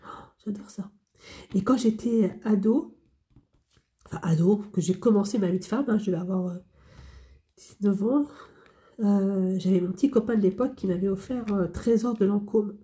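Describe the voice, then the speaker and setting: Woman vlogger, casual tag-video chat, candid and rambling, relaxed mellow tone. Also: mid-range voice, moderate pace. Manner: candid, rambling, repeats herself. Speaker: hobby vlogger.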